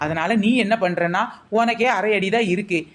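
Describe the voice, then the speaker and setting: A woman's voice: medium pitch, normal speed, natural voice. A woman playing a scheming young village shopkeeper selling hair oil in a scripted comedy skit, with sly, wisecracking sales patter.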